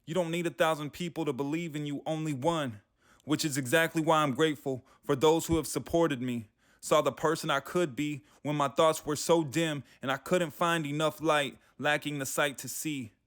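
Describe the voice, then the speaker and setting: A man's voice: on the high side, fairly even intonation, moderate pace, a bit bright. A man in his thirties delivering a rhythmic, rhyming spoken word poem. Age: 30s. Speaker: youth and family engagement manager.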